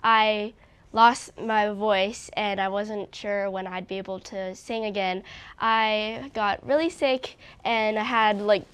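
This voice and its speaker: A woman's voice: mid-range voice, steady tone, slow, a bit bright, smooth. A young woman from Hawaii, a recording artist being interviewed, talking earnestly and openly with a slightly congested voice. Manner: earnest, open, frequent "like". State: a little congested. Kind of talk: casual interview chat.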